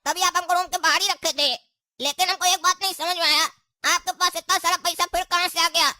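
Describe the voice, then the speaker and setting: A woman's voice: extremely high pitch, steady tone, brisk, sharp tone, no room sound, studio quality, heavily acted. Woman playing a cheeky, whiny kid. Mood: nosy. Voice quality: whiny, cheeky back-talk. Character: cheeky lazy grown child of the house. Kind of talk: comedy skit acting.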